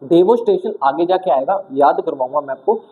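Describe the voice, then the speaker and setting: High-voiced man teaching vocabulary, tinny. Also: lively intonation, a little fast. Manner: repetitive, asks and answers his own questions. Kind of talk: exam coaching lesson. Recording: tinny phone-like sound.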